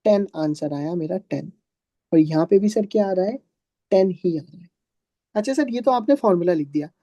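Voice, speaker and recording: A man's voice: sits high, expressive, normal speed, dark tone, no echo. A male teacher giving a live math lesson, who keeps asking his students questions and answering them himself in a patient, talky way. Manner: patient, calls students "beta". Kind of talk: classroom math lecture.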